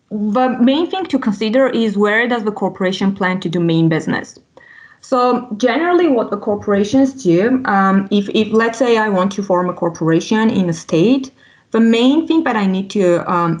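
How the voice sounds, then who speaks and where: A woman's voice: mid-range voice, rough recording. A young woman from Armenia presents a legal webinar as an attorney. She speaks in a mid-range voice, stopping often with "um" and restarting her sentences. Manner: frequent "um" fillers and restarts.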